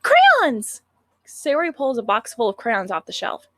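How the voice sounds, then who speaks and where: A woman voicing a bubbly, clumsy, cheerful teenage schoolgirl in a squeaky, sing-song, whiny voice while reading a visual novel aloud. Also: huge pitch swings, measured pace, a bit bright, no echo, full character voice. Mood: excited.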